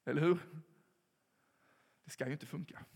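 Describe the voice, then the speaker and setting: A man giving a sermon in a calm, reflective way, with pauses and rising emphasis. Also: a little high, creaky, husky. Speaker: preacher. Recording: long hall reverb.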